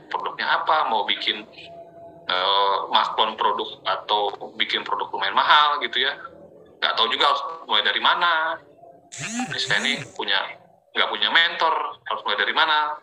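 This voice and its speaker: This informal affiliate marketing training features a man with a fairly low, bright and forceful voice, explaining his sales pitch conversationally. He often checks in with listeners using repeated filler tags. Dull audio carries slight background noise.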